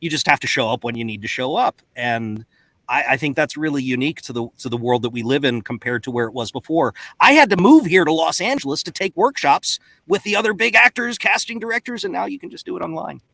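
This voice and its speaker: Talking fast with a high-leaning voice and some vocal fry, a man chats on a panel as a voice actor, animated and expressive. He calls in from his home recording booth, and the close studio mic leaves no echo.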